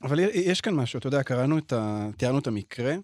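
A man discusses a passage hesitantly, stopping and restarting as he looks for words. His voice has a middle pitch. It is recorded dry and close in a studio. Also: lively intonation, darkish tone, no room sound. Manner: hesitant, many fillers and restarts. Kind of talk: casual discussion.

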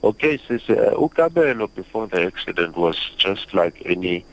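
A young man with a South African accent speaks in a very low voice. He answers in a halting, reflective way as an interview guest. The radio audio is slightly dull. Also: sing-song. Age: young adult. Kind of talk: personal account in a radio interview.

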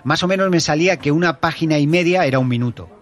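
A man hosting a podcast, answering listener questions in a measured, explanatory way as an audio drama director. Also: a little high.

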